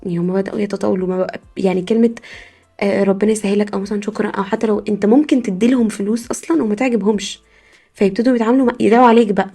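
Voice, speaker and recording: A young woman from Egypt with an Egyptian Arabic accent, hosting a podcast as a casual comic monologue, telling stories in an animated way with frequent laughs. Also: mid-range voice, rapid-fire, slightly rough, soft background music. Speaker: podcast host.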